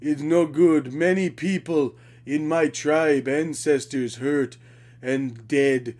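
Mocking put-on: woman doing a grave complainer, much lower and quieter, slow and halting. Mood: mock-solemn. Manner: slow, broken mock-solemn phrasing. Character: solemn, halting, aggrieved complainer.

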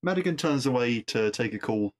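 A man at a mid-range pitch, talking through a TV episode in a loose, conversational recap. He drifts into wry asides and often repeats a word while he thinks. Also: lively intonation, fairly quick. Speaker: podcast host reviewing episodes.

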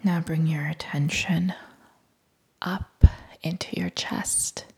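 Whispering woman guiding a slow body scan. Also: low-pitched, creaky, breathy edge. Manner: soft whispering throughout, calm and unhurried. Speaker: meditation guide.

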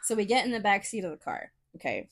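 A young woman co-hosts a casual podcast and tells a story. Her voice sits at an ordinary middle pitch. She talks in a loose, profane, animated way and speeds up when the story gets going. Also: fast talker, vocal fry. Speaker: podcast co-host.

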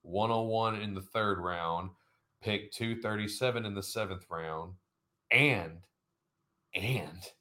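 Deep-voiced man rambling through sports talk. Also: a bit bright. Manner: rambling, heavy with fillers and hedges. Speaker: podcast co-host. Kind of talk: casual sports chat.

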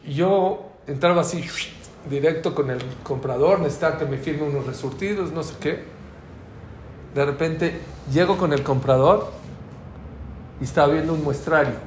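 A man's voice: fairly high pitch, normal speed. A middle-aged man with a Mexican Spanish accent teaching an informal religious class, telling anecdotes and acting out the dialogue. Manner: lively storyteller, acts out dialogue. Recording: echoey room with faint ambient noise.

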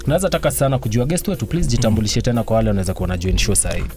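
A man's voice: mid-range voice, very animated, very fast, music in the background. A man with a Kenyan accent hosting a student radio show from a studio in a casual, chatty style.

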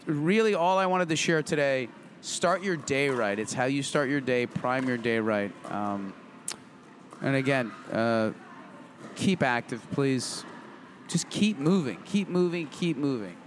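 A middle-aged man hosts a relaxed podcast, talking in an upbeat, emphatic way and repeating his points. His voice sits at an ordinary pitch for a man. A faint hiss of noise runs under the recording. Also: measured pace. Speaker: podcast host. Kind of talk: casual motivational podcast chat.

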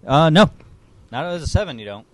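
A man's voice: on the high side, very animated, brisk. A man running a tabletop game as game master, narrating in a laid-back, dry way.

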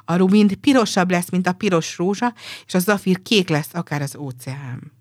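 A woman voicing a little kind-hearted swallow who longs for the warm south, in a gentle storybook telling. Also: fairly low pitch, no room sound, clean studio sound, close to an everyday voice. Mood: wistful.

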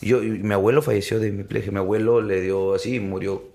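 A young man, a podcast guest telling an animated personal story and calling the listener brother. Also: on the low side, fast, vocal fry. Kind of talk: storytelling in casual interview.

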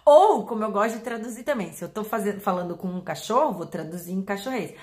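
A woman with a Brazilian Portuguese accent, a pet behavior educator explaining to her audience in an animated way, acting out examples. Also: medium pitch, fast. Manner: animated, acts out examples with voice changes.

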